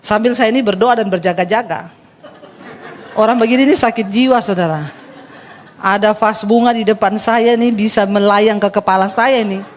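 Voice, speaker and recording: A woman's voice: medium pitch, moderate pace, big-room sound, a little hiss or hum. A woman pastor preaching a sermon, telling funny stories and speaking directly to her congregation. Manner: humorous storytelling, acts out dialogue.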